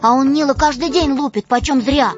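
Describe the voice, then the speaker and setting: A man voicing cheeky, excited young village boys in an audiobook, with a high, breathless child voice. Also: brisk. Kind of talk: audiobook narration. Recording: dull lo-fi audio with music.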